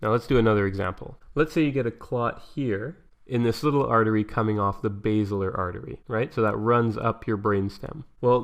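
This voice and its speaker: A man narrating an explanatory medical lesson in a conversational way, asking and answering his own questions. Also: on the low side.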